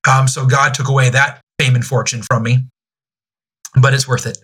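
A man in his thirties, a youth ministry director, speaking candidly as a podcast guest, pausing and restarting often. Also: mid-range voice, level tone, a bit bright, slightly rough. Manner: halting, many restarts and fillers.

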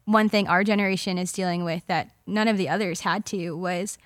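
A woman's voice: on the low side, fairly even intonation, fairly quick, no room sound. A woman in her twenties talking casually as a podcast panelist, filling her speech with "like". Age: 20s. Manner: chatty, many "like" fillers. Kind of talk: casual chat.

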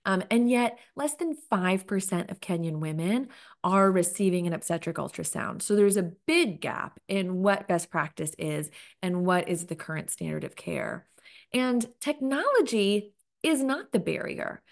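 A woman's voice: medium pitch, expressive, a little slow, vocal fry. A woman nonprofit executive speaking in an interview, articulate and enthusiastic as she explains her work.

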